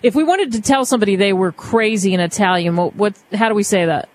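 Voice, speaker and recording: Radio host, Philadelphia-area talker, breezy and fast, light room noise underneath. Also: medium pitch, low-quality recording. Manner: chatty, quick, laughing asides. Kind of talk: casual radio interview.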